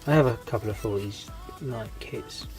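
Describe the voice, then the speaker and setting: A fairly low-pitched man, sick with a cold and losing his voice, gives a casual, halting update on his scale model hobby channel, heavy with ums and restarts. He speaks at a moderate pace over music on a low-quality recording.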